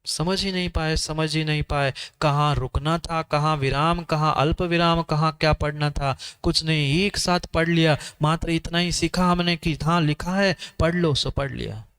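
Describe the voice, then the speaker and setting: A man's voice: fairly high pitch, fairly even intonation, normal speed, hardly any pauses, fairly bright tone, clear, resonant tone. A man preaching a sermon, speaking emphatically, repeating phrases and asking his listeners questions. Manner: repetitive, emphatic, asks the audience questions. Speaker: Jain monk preacher. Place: sermon hall.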